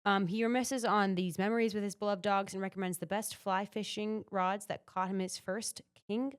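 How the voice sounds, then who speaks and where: Smooth-voiced young woman chatting news. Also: mid-range voice, fairly even intonation, moderate pace. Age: 20s. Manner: chatty, laughs easily, lots of fillers. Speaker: newspaper reporter co-hosting a news rundown. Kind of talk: casual news rundown chat.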